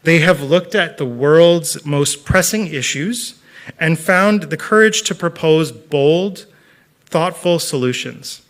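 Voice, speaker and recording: Male event host, slightly high register, formal scripted introductions for a speech contest. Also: fairly bright tone. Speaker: host of a youth speech competition.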